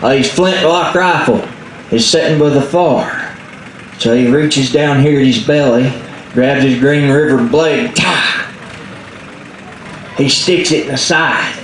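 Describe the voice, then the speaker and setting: A man with a Southern Appalachian accent telling folk tales in a casual, unscripted, folksy way with dramatic pauses. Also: mid-range voice. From southern Appalachia, United States. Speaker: storyteller. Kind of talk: casual oral folk storytelling. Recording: echoey room with background noise.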